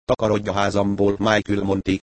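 A man reading the part of a scheming, crow-like old uncle with a croaking voice, in an audiobook. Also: deep voice, steady tone, no room sound, lightly acted. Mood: furious.

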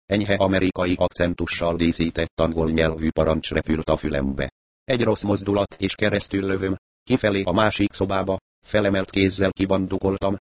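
A very deep-voiced man reads a first-person crime story with dry, wry understatement. The recording is close and dry, with no room sound. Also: no room sound. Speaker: audiobook narrator. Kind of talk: first-person novel narration.

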